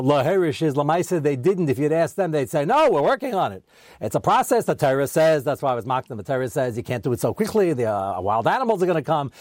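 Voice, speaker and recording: A man's voice: fairly high pitch, darkish tone, no echo. A man teaching a Torah study class, talking conversationally and acting out people's excuses in a raised voice.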